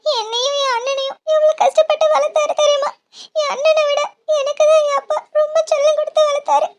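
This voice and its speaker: A woman's voice: very high voice, little pitch movement, a little fast. A woman voicing a young female college student in a cartoon, emotional and apologetic. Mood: tearful. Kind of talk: cartoon dialogue.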